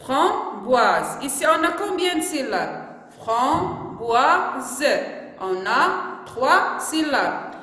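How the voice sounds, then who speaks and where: Slow, high-voiced Moroccan French teacher. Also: female voice, big pitch swings, pushed and bright. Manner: slow, deliberate, spelling out letters and syllables. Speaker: primary school teacher. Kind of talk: classroom phonics lesson. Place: classroom. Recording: echoey classroom with long reverb.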